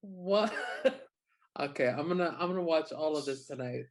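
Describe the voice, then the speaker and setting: A podcast co-host chatting casually with relaxed, short reactions and easy laughs. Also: mid-range voice, moderate pace. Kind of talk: casual chat.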